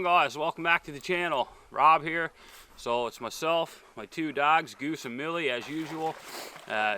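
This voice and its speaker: Man hiking and vlogging, middle pitch, relaxed and chatty, out of breath, wind and outdoor noise around him. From Newfoundland. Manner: relaxed, chatty, with frequent fillers. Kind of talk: casual vlog talk to camera. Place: outdoors in windy wilderness. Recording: outdoor recording with clear wind and ambient noise.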